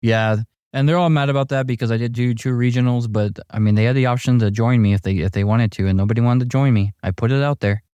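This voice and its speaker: A middle-aged man chatting casually as a guest, telling stories in a relaxed way with lots of fillers and restarts. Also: mid-range voice, fast, few pauses, clean tone, no echo, muffled recording. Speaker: amateur golfer guest. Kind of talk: casual chat.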